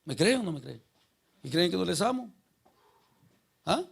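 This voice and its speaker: High, gravelly male pastor preaching. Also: measured pace. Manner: keeps questioning the congregation by name, rhetorical and animated. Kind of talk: conversational sermon.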